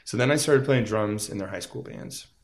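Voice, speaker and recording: A man from Las Vegas talks as a guest in a casual interview, his voice sitting a little low. He rambles through his stories, piling up fillers as he goes. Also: normal speed. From Las Vegas, United States. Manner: rambling, filler-heavy storytelling with many "like"s.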